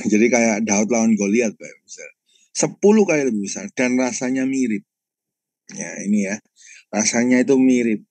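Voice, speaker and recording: A man's voice: medium pitch, normal speed, a little mellow, no echo, poor audio. A man, a pastor telling a personal testimony in a sermon and often addressing the congregation directly.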